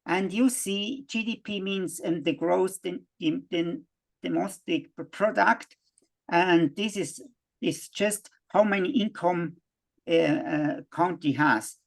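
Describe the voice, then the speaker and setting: A man from Switzerland, giving a halting worldview lecture full of restarts and fillers. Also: sits high, gravelly.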